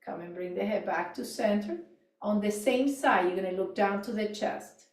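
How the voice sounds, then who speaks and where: Calm lady teaching a gentle yoga class, soft cues, sounds a bit far off in a roomy echoey space. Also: medium pitch, normal speed. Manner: calm, gentle cueing with soft trailing endings. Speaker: yoga and mindfulness instructor. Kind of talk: guided movement and voice exercise class. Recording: echoey room, voice off-mic.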